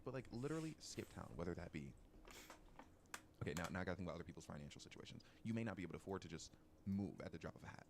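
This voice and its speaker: Deep-voiced man, rapid-fire comic advice, faint room hiss behind. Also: lively intonation. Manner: mock-advice delivery with dramatic asides. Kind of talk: joking casual chat.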